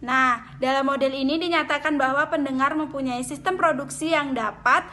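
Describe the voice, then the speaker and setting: A young woman reads out a lesson at a steady pace, keeping close to her notes. Her voice sits high and has a bright, clear edge. She sounds like a student presenting coursework. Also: normal speed. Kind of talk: reading a lecture presentation.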